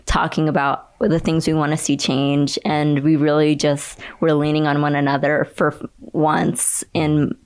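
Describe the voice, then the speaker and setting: A young woman, a barista and union organizer, telling her story as a guest in a casual interview, animated and laughing often. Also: sits low, a little slow, smooth. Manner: animated, laughs often, acts out quoted remarks.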